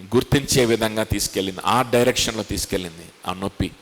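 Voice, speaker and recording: A man's voice: lowish voice, quick pace, in a large hall. A man preaching a sermon as pastor, asking rhetorical questions and acting out the voices he quotes. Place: church hall.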